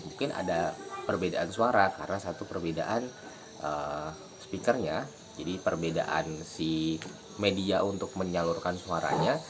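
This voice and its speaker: Low-voiced man teaching guitar outdoors. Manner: relaxed, explaining step by step with fillers. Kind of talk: casual spoken tutorial. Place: outdoors in a village. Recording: noisy outdoor recording. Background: crickets and insects, a passing motorbike.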